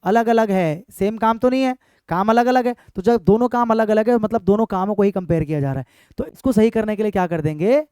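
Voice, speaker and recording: A man teaches grammar in a high, smooth, resonant voice. The sound is close and dry, with no room around it. He keeps asking his students questions and reads each example sentence out slowly. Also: darkish tone, dry recording. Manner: repeats points and quizzes students with questions. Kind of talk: exam-prep grammar lesson.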